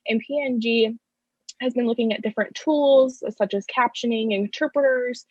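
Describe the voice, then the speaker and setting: A woman's voice: fairly high pitch, no echo, lo-fi sound. Woman voicing a deaf panelist's signing. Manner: halting, self-correcting, speaks in first person for the signer. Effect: interpreter's voice-over of a deaf speaker's signing. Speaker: sign language interpreter voicing a deaf panelist. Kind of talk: live interpreted panel remarks.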